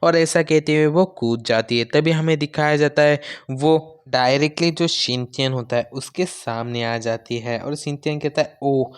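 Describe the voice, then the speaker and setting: A man's voice: medium pitch, clear, resonant tone. A man casually retelling a manga episode scene by scene, briefly voicing each character's lines. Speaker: manga explainer. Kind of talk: casual recap narration.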